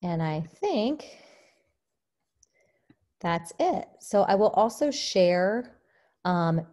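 A woman's voice: sits low, warm tone. A woman leading a casual online training call for her team, chatty and upbeat with many fillers, a bit out of breath. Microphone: video call.

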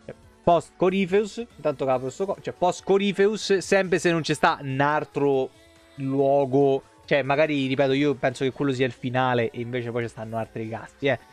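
Faint music plays behind a medium-pitched man speaking at normal speed. He's a Roman Italian game streamer in his thirties, talking casually into a close desk mic in a small room at home, rambling, cursing freely and very expressive.

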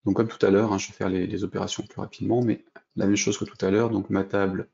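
A man's voice: lowish voice, level tone, fast talker, creaky, darkish tone, lo-fi sound. A French man giving a screen-recorded coding lesson, thinking aloud with many fillers and restarts as he clicks through steps. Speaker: programming instructor.

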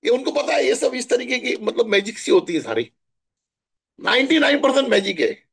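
A middle-aged man from Maharashtra telling stories in a chatty, animated way during a spiritual talk. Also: extremely high pitch, moderate pace, vocal fry, husky. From Maharashtra, India. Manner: chatty, animated storytelling with asides. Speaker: spiritual guest answering questions.

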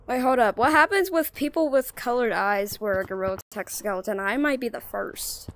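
A woman giving casual gameplay commentary, slangy and chatty, breaking into sudden gasps and rapid repeated exclamations. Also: on the high side. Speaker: gaming video creator.

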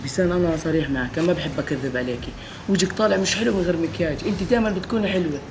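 A man's voice: high-pitched, very fast, slight background noise. A man hosting a prank vlog, talking in casual, insistent and nagging banter.

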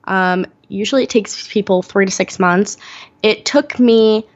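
An eighteen-year-old woman telling her own story as a guest in an interview, earnest and pausing often with "um". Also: medium pitch, highs cut off. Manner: earnest, many "um" pauses. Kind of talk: podcast interview, personal story.

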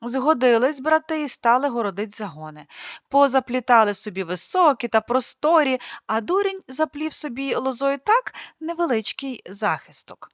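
Жвава оповідачка казки. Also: female voice, sits high, moderate pace, no room sound. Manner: lively expressive reading. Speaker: audiobook narrator. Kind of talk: storytelling narration. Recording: dry, slightly muffled studio read.

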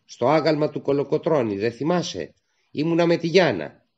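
A man voicing an eager, spirited young woman resistance worker who asks quick, insistent questions, on a dull lo-fi recording. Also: on the high side, animated, darkish tone, voice pushed up. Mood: teasing.

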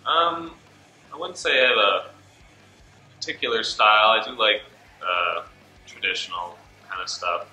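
A man's voice: fairly low pitch, a little slow, long pauses, pushed and bright. A twenty-three-year-old man speaking hesitantly in a seated interview. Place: studio with gray backdrop. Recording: roomy studio with faint music.

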